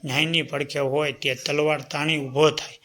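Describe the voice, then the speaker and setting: A principled royal priest in a storybook tale who questions gravely and deliberately. The voice is bright and even, as a male narrator puts him on. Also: on the high side, close to an everyday voice.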